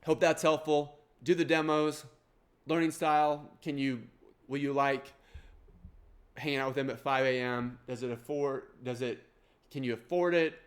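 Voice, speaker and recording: Addressing the camera at a moderate pace, this man in his forties keeps a steady tone in his mid-range, nasal voice with its Kansas accent. He runs a CPA exam prep course and chats casually and self-deprecatingly about preparing for the exam, wandering as he goes.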